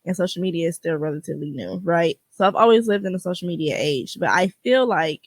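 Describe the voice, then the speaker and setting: Solo podcast host, twenty-three, talking fast in a lowish voice with no room sound. Her chat is casual, frank, full of slang, and loose with swearing.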